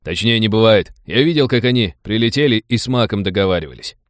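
A man's voice: fairly low pitch, animated, fast, no room sound, studio quality, close to an everyday voice. Man doing brash know-it-all dock buddy, audiobook. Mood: cocky. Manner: condescending, brash. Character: cocky male dockside lowlife, know-it-all.

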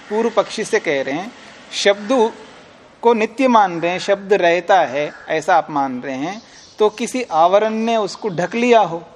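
A man with a high voice teaches a classical philosophy text to a class, with a little noise behind him. He takes the Sanskrit slowly, unpacks each line plainly, and asks questions only to answer them himself.

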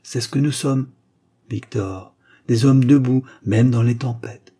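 A man's voice: medium pitch, measured pace, mellow, breathy edge, pitched above the performer's own voice. A man voicing a stern, proud aristocratic father, an aging marquis, in an audiobook, solemn and insistent.

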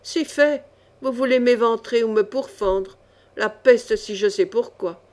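A woman voicing a cool, ironic young male chevalier in a storybook reading, calm and mocking. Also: fairly high pitch, a little slow, natural voice.

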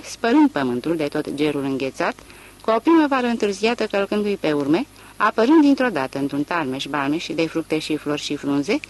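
An audiobook narrator reading a literary novel in a measured, expressive way. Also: mid-range voice, a little hiss or hum, poor audio.

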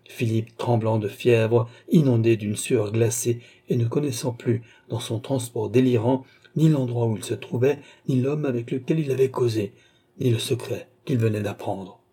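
Mellow, husky male audiobook narrator. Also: mid-range voice, fairly even intonation, moderate pace. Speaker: audiobook reader. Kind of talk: scripted narration of a classic novel.

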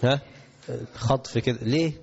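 Egyptian sheikh teaching in a hall. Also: male voice, mid-range voice, moderate pace. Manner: asks the audience questions and answers himself, mixes classical and colloquial. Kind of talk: religious lesson. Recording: dull recording in a reverberant hall.

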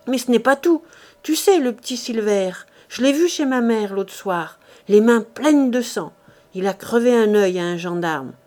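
Blustering coward of a husband, yelling accusations, put on by a woman reader. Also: a little high, animated, measured pace. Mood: furious. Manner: shouting, blaming, frantic. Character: angry cowardly middle-aged husband.

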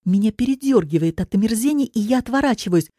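A woman narrating a first-person audiobook in an expressive, dramatic reading, recorded on a close mic. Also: fairly high pitch, quick pace, no room sound.

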